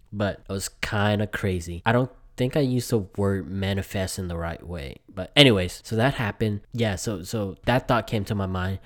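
Rambling man from Vietnam, podcasting. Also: fairly low pitch. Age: 20s. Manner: rambling, self-correcting storytelling. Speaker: podcast host. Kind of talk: casual solo podcast.

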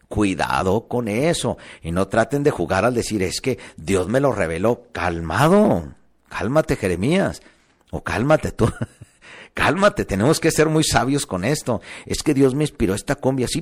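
A man delivering a sermon, his voice sitting a bit low. He talks to the congregation directly and emphatically, peppering his points with rhetorical questions. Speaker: preacher.

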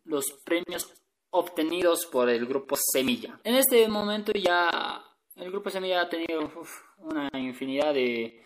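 A man's voice: fairly high pitch, lively intonation, a little slow, far from the mic, low-quality recording. A man hosting a casual music talk for viewers, chatty and hesitant, often checking in with his listeners. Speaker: music channel host.

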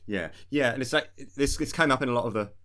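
A man's voice: mid-range voice, fast talker, a bit bright. A man with a modern southern British accent in casual political discussion, analytical, mixing academic vocabulary with informal phrasing. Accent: modern British, southern English. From southern England.

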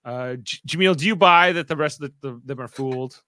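A man's voice: a little high, fairly quick, pushed and bright, no echo. A man hosting a casual podcast recap, talking animatedly and acting out quotes in exaggerated voices. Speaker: podcast host.

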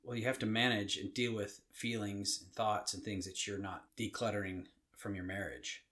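A man's voice: on the low side, level tone, fairly bright tone. A middle-aged man co-hosting a casual marriage podcast, talking thoughtfully and often restarting his sentences. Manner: thoughtful, halting with frequent restarts. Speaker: podcast co-host.

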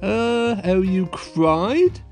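A man voicing a gentle, amused mother pig in a children's storybook, reassuring and sing-song. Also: high voice, very animated, very slow, faint music behind, pitched above the performer's own voice, heavily acted. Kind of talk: children's cartoon storybook read-aloud.

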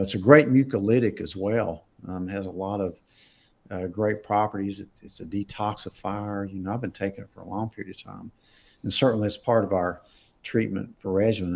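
Low, gravelly, slightly husky man, a doctor fielding live questions, casual and emphatic. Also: fairly even intonation, brisk. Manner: conversational, emphatic, laughs often. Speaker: doctor answering viewer questions.

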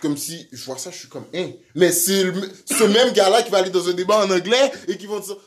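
Animated Québécois male co-host, high-pitched, crowd noise behind. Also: a little fast. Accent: Quebec French. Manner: animated storyteller, mimics politicians, laughs often. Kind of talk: casual political chat.

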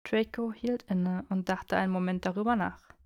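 A woman narrating a fan fiction audiobook, steady and expressive. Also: medium pitch, moderate pace.

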